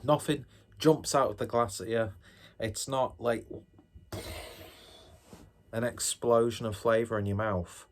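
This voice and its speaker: A man's voice: mid-range voice, fairly even intonation, slow pace, pauses often, slight background noise. A man giving a casual tasting review to viewers, musing aloud with chatty, self-deprecating asides. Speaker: beer reviewer, host.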